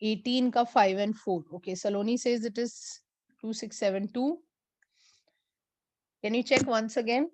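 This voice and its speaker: A woman physics teacher, mixing Hindi and as she teaches an online class and slowly repeats numbers for her students. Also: a little high, steady tone, a little mellow, dry recording. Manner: mixes Hindi and English.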